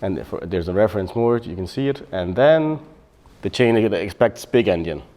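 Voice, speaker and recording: This is a middle-aged Bosnian developer presenting at a technical conference on developer tooling. His voice sits on the low side and he talks at a normal speed, explaining calmly while frequently stumbling into fillers and fixing his own words.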